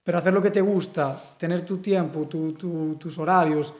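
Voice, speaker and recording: A young man with a Galician accent speaks in a fairly high voice, rambling through a relaxed interview with plenty of filler words. The room is echoey. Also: moderate pace. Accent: Galician Spanish. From Galicia, Spain. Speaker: interviewee, sculptor. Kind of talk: casual interview.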